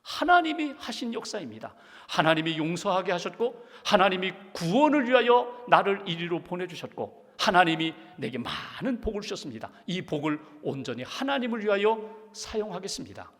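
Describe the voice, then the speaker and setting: A male pastor preaches in a church sanctuary, his fairly high voice swinging widely in pitch as he drives home his points with repeated questions. The sound carries a long, ringing reverb from the hall. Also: very animated, moderate pace, few pauses, a bit bright. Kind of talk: sermon.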